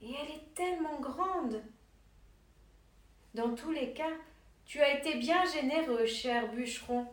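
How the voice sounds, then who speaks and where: A tiny, friendly dwarf with a perky voice chirps his lines in a storybook tale, as a woman reader puts him on. The voice sits high and is heard from off the mic in an echoey room. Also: measured pace, pauses often, far from the mic. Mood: grateful. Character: tiny hungry male dwarf, friendly and generous.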